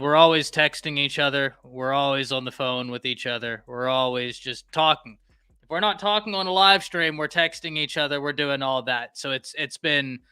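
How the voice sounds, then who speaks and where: A man's voice: medium pitch, sharp tone, smooth, dry recording. A man hosting a sports live stream, talking upbeat to his guests and the chat. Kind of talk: casual chat.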